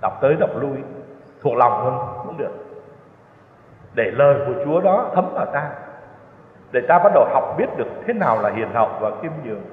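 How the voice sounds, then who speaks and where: Older priest, echoey church. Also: male voice, medium pitch, big pitch swings, brisk, long pauses. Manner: chatty storytelling, chuckling at his own stories. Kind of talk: retreat sermon with personal anecdotes. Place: large church. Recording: echoey church hall, tinny lo-fi sound.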